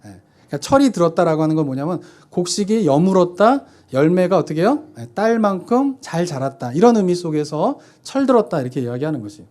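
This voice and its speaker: Chatty pastor asking and answering himself. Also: male voice, sits high, big pitch swings, quick pace, darkish tone. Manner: conversational, asks rhetorical questions and answers himself. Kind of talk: sermon. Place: church sanctuary.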